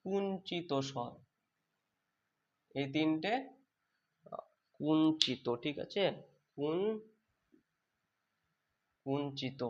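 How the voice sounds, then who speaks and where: Man, teacher, exam-prep lesson, answers his own questions, fairly high voice, dull lo-fi sound. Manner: asks questions and answers them himself, repeats terms slowly; corrects his own slips aloud.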